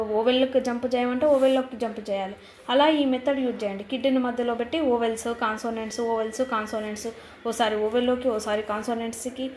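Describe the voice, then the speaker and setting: Woman teacher, patient and repetitive, spells words letter by letter; slightly high voice, echoey room with faint background noise. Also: a little mellow. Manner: slow and repetitive, spelling words out letter by letter, many drawn-out "aa" fillers. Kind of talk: explaining teaching methods for young children.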